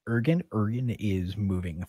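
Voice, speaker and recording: Game master, male, very low husky voice, dry close mic, loose joking narration. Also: normal speed, mellow, no echo. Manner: casual, rambling, joking, swears.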